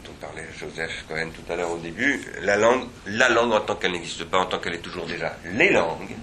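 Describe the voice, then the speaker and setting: A man with a deep voice and a bright, forceful edge talks through ideas at an academic seminar. He is digressive and reflective, and often hesitates and restarts his phrases. He is speaking in a seminar room, with faint ambient noise behind him. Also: fairly quick.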